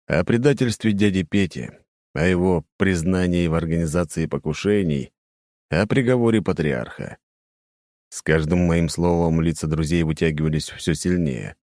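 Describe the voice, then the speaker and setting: A man narrating a first-person audiobook in a somber, measured way. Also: sits low, a little mellow, no echo, studio quality.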